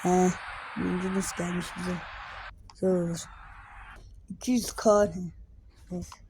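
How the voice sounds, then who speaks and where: Slow, mellow-voiced woman gaming. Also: on the low side, slight background noise. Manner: excitable, slangy outbursts between quiet mutters. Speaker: gaming video creator. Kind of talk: gameplay commentary.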